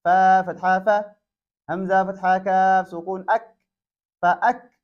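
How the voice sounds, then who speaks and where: A man's voice: sits high, level tone, moderate pace. A man teaching Quran reading, spelling out each letter and vowel mark and then blending the syllables into whole words. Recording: dull lo-fi recording.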